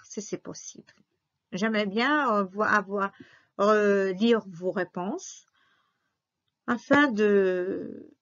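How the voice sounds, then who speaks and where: A woman teaching a grammar review lesson, patiently repeating and spelling out each example. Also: medium pitch. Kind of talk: slow classroom grammar review. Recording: dull lo-fi recording.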